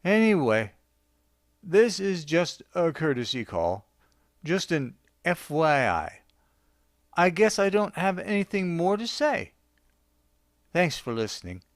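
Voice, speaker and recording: A man voicing a drunk, freshly fired office worker who slurs and rambles haltingly. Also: on the high side, sing-song, no room sound, studio quality, voice pushed up, heavily acted. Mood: resigned. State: drunk, slurring.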